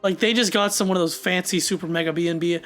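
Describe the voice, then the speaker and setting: A man's voice: high voice, fairly bright tone. Chatty young man reacting to a show. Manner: talks back to the screen, quick asides and laughs. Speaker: reaction video host. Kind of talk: casual reaction commentary.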